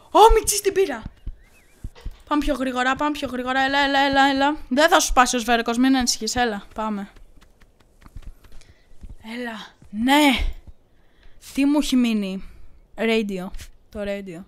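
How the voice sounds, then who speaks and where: Woman let's player, excitable and teasing, a high voice, shouts at the game. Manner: excitable, shouting reactions and playful taunts. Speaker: gaming YouTuber. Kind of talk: let's play commentary.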